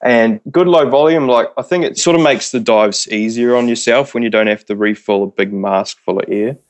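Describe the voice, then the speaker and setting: A man's voice: medium pitch, normal speed. A man with a broad New Zealand accent, chatting casually as a podcast guest in a laid-back, slangy, jokey way. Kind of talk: casual interview chat.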